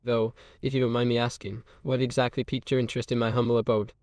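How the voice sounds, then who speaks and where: A man's voice: mid-range voice, flat delivery, quick pace, a little mellow, no room sound, clean studio sound, natural voice. A man voicing a polite, nosy collector of oddities as a game character, speaking formally and asking many questions. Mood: courteous.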